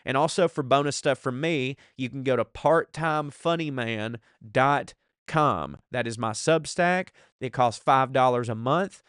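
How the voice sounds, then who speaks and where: A man's voice: mid-range voice, a little slow, fairly bright tone, clean tone, no room sound, clean studio sound. A man with a blocked, congested nose and short breath, hosting a podcast in a casual, profane, bantering way. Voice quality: congested, stuffed-nose sound from allergies. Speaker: podcast host. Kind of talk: casual comedic podcast talk, reading listener mail aloud.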